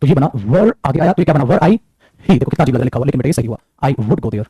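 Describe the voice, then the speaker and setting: A male teacher giving an animated grammar lecture to students, talking fast and calling them beta. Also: mid-range voice, breathy edge, no echo.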